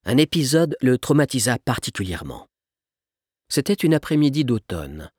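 A man reading a story aloud as an audiobook narrator in an expressive, animated way. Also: medium pitch, moderate pace, slightly rough, no echo, clean studio sound.

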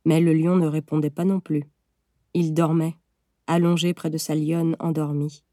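A woman narrates an audiobook in a low, mellow voice, measured and gentle. The recording is dry and close, with no room sound. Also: flat delivery, no echo.

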